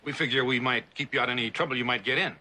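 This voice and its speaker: This nosy western townsman has a very sharp, mid-pitched voice and talks fast. He is an opportunist, prying in a casual way. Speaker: actor in a TV western. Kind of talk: TV western drama acting.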